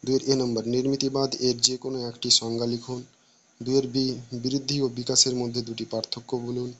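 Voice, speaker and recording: Flat-voiced man reading exam questions. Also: mid-range voice, fairly quick, muffled recording. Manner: flat, steady reading with small restarts. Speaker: teacher reading an exam paper.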